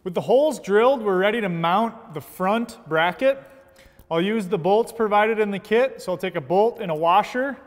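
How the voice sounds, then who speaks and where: A fairly high-pitched man in his thirties walks through an installation with steady, methodical instructions. His voice carries a long reverb from a large indoor workshop, picked up on a lapel mic. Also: normal speed. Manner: steady, methodical step-by-step explaining. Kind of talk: scripted how-to narration.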